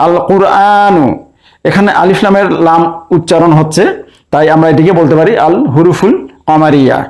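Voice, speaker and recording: High-voiced man explaining step by step. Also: brisk, a little mellow. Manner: methodical, repeats each step, with hesitations. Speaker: Arabic teacher. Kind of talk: recorded lesson walkthrough.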